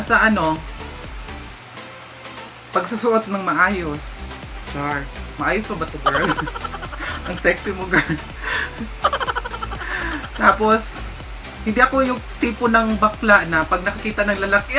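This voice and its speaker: A man with a Visayan accent chatting casually through a vlog Q&A, giggly and slipping English phrases into his talk. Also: sits high. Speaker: vlogger. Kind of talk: casual Q&A chat. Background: background music.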